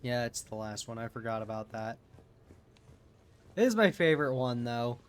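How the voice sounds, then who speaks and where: A man's voice: mid-range voice, expressive, moderate pace, noisy background. A man giving casual gameplay commentary as a streamer, candid and swearing a lot. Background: game music.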